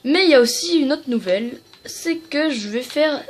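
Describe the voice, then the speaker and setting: Rambling high-voiced woman explaining a game. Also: animated, normal speed. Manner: rambling, filler-heavy, apologetic. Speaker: video game channel host. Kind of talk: casual game tutorial commentary. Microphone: tablet.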